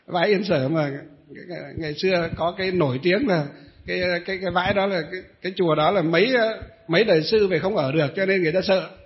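High-voiced monk telling a story. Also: male voice, fairly quick. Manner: rambling storyteller, many hesitations, addresses listeners. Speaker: Buddhist monk. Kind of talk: storytelling dharma talk. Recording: dull lo-fi recording.

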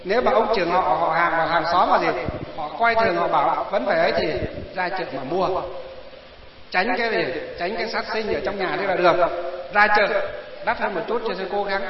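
A man's voice: sits high, brisk, a little hiss or hum. A man preaching a Buddhist sermon to villagers, constantly throwing rhetorical questions at his listeners. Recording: echoey hall, dull lo-fi sound.

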